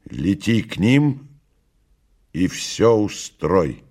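Мужчина в роли властного холодного дьявола. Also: male voice, deep voice, very animated, a little mellow, exaggerated voice. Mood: cold. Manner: slow, curt, sardonic. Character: imperious male devil, cold and weary.

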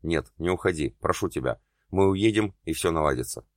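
Dude doing a tormented guy, desperate and confessing, deep low voice. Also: animated, a little fast, no echo, clean studio sound. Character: tormented male surgeon torn by passion.

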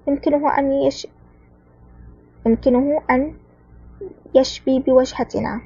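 A woman's voice: sits high, fairly even intonation, measured pace, warm tone, slightly rough, no room sound, lo-fi sound, heavily acted. Woman reading a sardonic young lieutenant. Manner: sardonic, questioning. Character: sharp young female lieutenant. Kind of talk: audiobook character reading.

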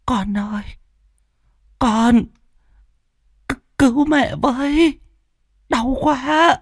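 A man voicing a frail, sick old mother who pleads for help in a thin, quavering falsetto. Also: very animated, takes it slowly, no room sound, studio quality, full character voice. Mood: pained, feeble. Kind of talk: storytelling.

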